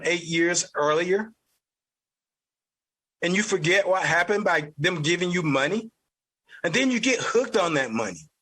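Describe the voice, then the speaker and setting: A man with a Southern drawl delivers blunt, profane podcast commentary. His voice sits high and sounds bright and forceful, with a husky edge. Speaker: podcast host. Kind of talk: opinion commentary.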